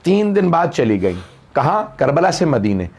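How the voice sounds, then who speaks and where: A middle-aged male cleric delivers a mourning sermon in a high, tense voice. He tells the story with passion, and his delivery swells into wailing cries in the quoted lines. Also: very animated, normal speed, crowd noise. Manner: impassioned, rising to wailing peaks in quoted lines. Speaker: Shia cleric reciting majlis.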